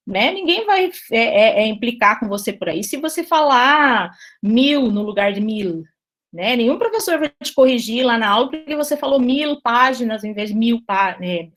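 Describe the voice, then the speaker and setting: A woman's voice: high voice, a bit bright. A Brazilian woman, a Portuguese language teacher, giving a chatty class and often checking in with her students with little tag questions. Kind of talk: online class lecture.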